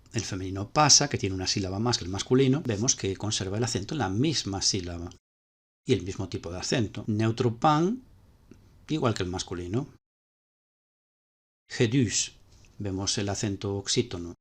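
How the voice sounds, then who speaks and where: A man with a Spanish accent teaching ancient Greek grammar step by step, repeating key points as he explains slides. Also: on the low side.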